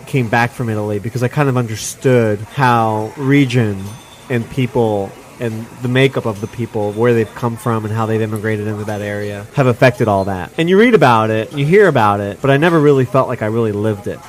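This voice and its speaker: A man from Israel, a chef being interviewed, telling stories in a reflective, rambling way with lots of "like" and "you know.". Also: mid-range voice. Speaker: chef, guest. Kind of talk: casual interview storytelling.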